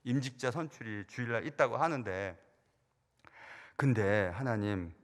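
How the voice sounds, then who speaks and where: A middle-aged man, a senior pastor, preaching a sermon and telling stories, his voice rising loud and then dropping quiet, with repeated words. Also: medium pitch, expressive, a little slow. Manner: storytelling, swings from loud to hushed, repeats words. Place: church sanctuary. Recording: church sanctuary reverb.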